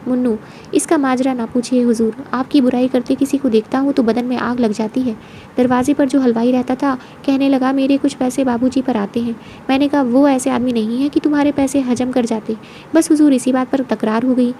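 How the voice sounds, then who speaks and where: A woman voicing a flattering, talkative male servant who bows and scrapes to his mistress. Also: high voice, a little fast, slight background noise, close to an everyday voice. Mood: fawning. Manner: obsequious, keeps addressing his mistress as huzoor.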